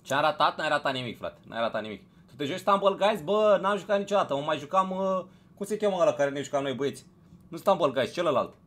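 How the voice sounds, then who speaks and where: A man's voice: fairly high pitch, expressive, a bit bright. A man hosting a casual live stream, chatting with viewers, greeting them by name, repeating himself and urging them to hit like. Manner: chatty, greets viewers one by one, repeats phrases, pushes for likes.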